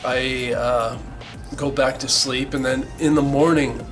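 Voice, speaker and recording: A man's voice: mid-range voice, fairly even intonation, measured pace, rough recording. A middle-aged man casually telling a band story, rambling and swearing a lot with many restarts. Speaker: band member recalling the band's origins. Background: music.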